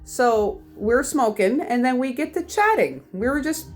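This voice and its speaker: A young Canadian woman, a vlogger and horror collector, tells a rambling, profane convention story in a casual vlog while a little tipsy from whiskey. Her pitch jumps animatedly, she speaks at normal speed, and soft music plays behind her.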